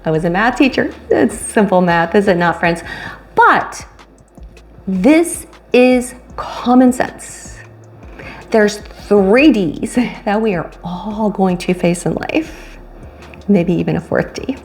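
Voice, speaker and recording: A woman in her late fifties talking casually to camera about retirement, chatty and animated, speeding through asides and slowing on key phrases. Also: medium pitch, soft background music. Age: 50s. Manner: chatty, animated, swings between quick asides and slow stressed phrases. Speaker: retirement vlogger and coach. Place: home room, indoors.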